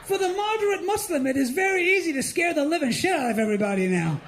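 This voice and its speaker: A middle-aged man from India performing an animated stand-up set as host of a live comedy benefit show. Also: very high voice, fast talker, slight background noise. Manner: animated, mocking, with lively acted-out asides.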